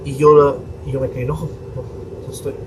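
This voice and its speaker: A man's voice: medium pitch, measured pace. A young adult priest tells a personal story on a podcast, acting out his parents' voices as he goes. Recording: distant mic with steady room noise.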